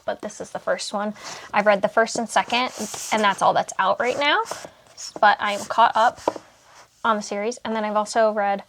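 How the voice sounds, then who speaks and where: A woman's voice: mid-range voice, slight background noise. A young woman chatting casually in a home vlog, rambling with fillers as she tours her bookshelves, a little out of breath. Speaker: booktuber.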